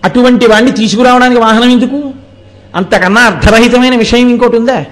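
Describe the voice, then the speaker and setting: A man with a notably high voice delivering a devotional sermon. He explains his points by asking the audience questions and reciting verses. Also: steady tone, fast talker, a bit bright. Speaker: religious discourse speaker.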